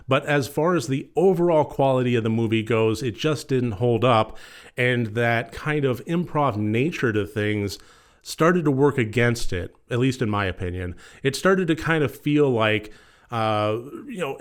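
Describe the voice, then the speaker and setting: A man giving a casual, conversational film review in long, rambling, measured sentences. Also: medium pitch, clean tone.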